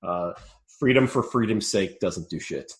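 A man's voice: low voice, animated, a little slow. A man hosting a casual podcast chat, rambling and laughing often, swearing casually. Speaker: podcast host.

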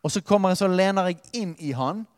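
A man preaching with passion, his voice swelling into loud emphatic peaks and dropping to quiet asides. His voice sits a little high for a man. A long reverb trails behind it in a large church hall. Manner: impassioned preaching, rising and falling with emphatic repetition. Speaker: pastor. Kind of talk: sermon.

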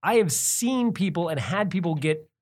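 A man's voice: a little high, animated, normal speed. A man chatting casually in anecdotes, blunt and sweary, acting out the dialogue he quotes.

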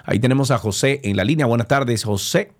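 A man's voice: medium pitch, fairly quick. A man hosting a radio show, reading news and taking calls with small stumbles. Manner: reads news with hesitations, chats warmly with callers. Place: radio studio.

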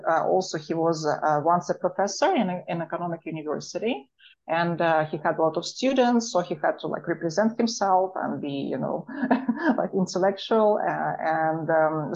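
A woman's voice: fairly low pitch, a little mellow, highs cut off. A woman with a Russian accent, a psychologist guest telling her story in an interview, hesitant with many fillers.

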